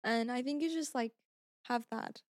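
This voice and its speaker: A woman co-hosting a casual podcast chat, excitable and quick to laugh. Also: fairly high pitch. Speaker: podcast co-host.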